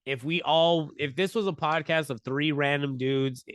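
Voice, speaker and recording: A man's voice: fairly high pitch, fairly even intonation, normal speed, fairly bright tone. A man co-hosting a podcast in casual chat, chatty and laughing, swearing freely. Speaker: podcast co-host. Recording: dry close sound.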